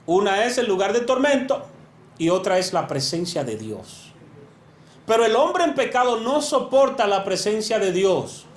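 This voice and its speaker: A man with a high voice preaches a sermon in an earnest, emphatic way, his pitch climbing and dropping to drive each point home. The sound is roomy and echoey. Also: sing-song, unhurried.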